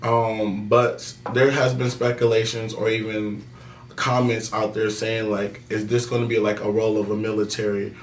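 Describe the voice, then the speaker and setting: A man's voice: fairly low pitch, flat delivery, moderate pace, slight background noise. A young male student hosting a podcast, asking hesitant questions while searching for his words. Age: young adult. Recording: roomy, distant mic.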